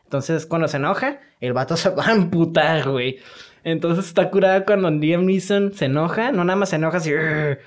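A speaker with a Mexican accent in a casual film talk, animated and slangy, full of sound effects and filler tags. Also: mid-range voice, a little fast.

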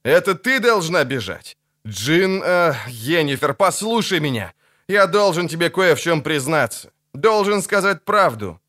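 A man voices a tough, urgent monster hunter, performing a full character voice pitched above his natural range. His fairly high voice swings widely in pitch at a measured pace as he shouts and pleads. The studio recording is clean, with no echo.

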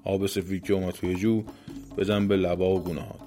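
A man voicing an old demon in a folk tale, giving orders in a measured way. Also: sits low, little pitch movement, dark tone, soft background music. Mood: commanding. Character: calm old male demon in a well.

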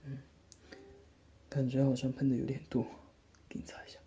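A man voicing a gentle, doting older brother who comforts and teases softly in a whispered role-play. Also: medium pitch, monotone, normal speed, highs cut off, a little hiss or hum, lightly acted. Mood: soothing. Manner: soft, soothing, coaxing, lightly teasing. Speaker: older brother tending a sister's wound.

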